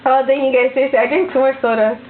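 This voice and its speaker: A woman's voice: high-pitched, steady tone, racing. A young woman chatting playfully and casually with friends in a giggly, slangy way, on a tinny, noisy lo-fi recording. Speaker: participant filming a home burping contest. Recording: tinny lo-fi phone-like sound, noisy.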